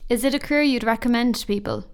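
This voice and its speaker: A woman's voice: on the high side, fast, clear, resonant tone. A woman interviewer asking questions in a conversational style.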